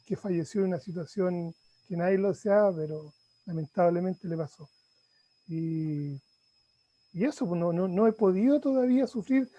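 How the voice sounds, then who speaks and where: A man's voice: high voice, warm tone, muffled recording. A middle-aged man sharing about his grief in a class, hesitant and heartfelt, often restarting. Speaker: student in counseling course.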